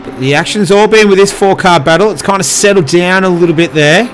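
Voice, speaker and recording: A man's voice: high-pitched, a little fast, a little hiss or hum. A man giving live, casual motorsport commentary in a conversational play-by-play manner.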